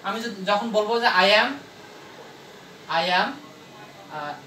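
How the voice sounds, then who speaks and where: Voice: mid-range voice, little pitch movement, sharp tone, echoey room, a little hiss or hum. A teacher explaining a grammar lesson in a classroom while writing on the board, often asking a question and answering it. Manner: explains slowly, asks and answers its own questions. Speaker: English teacher.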